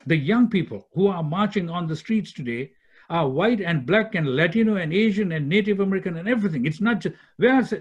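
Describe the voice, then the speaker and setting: A man's voice: high voice, lively intonation, fairly quick, husky. An older man from Sri Lanka talking as a guest on a video call, thoughtful, often restarting words as he searches for phrasing. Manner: thoughtful, repeats words while searching for phrasing, gestures with hands. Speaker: guest, executive director of a peacemaking institute. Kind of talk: conversational interview on a video call. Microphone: computer microphone on a video call. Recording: dull lo-fi video call audio.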